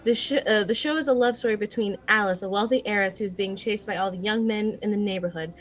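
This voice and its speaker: A woman's voice: medium pitch, fast, a little hiss or hum. A woman playing a story game on a live stream, chatty and bubbly, laughing often. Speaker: player. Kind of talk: casual live-stream chat.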